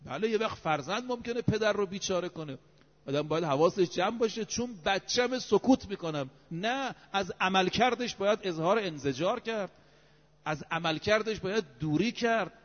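A man preaches with emphasis in a notably high voice, reciting scripture and numbering each point. His voice trails off into a long hall reverb. The recording is dull and lo-fi. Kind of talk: sermon.

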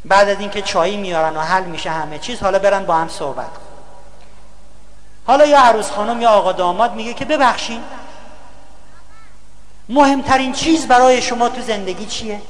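High-voiced man giving a humorous lecture. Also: pauses often. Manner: storytelling, mimicking others for laughs. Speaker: public speaker.

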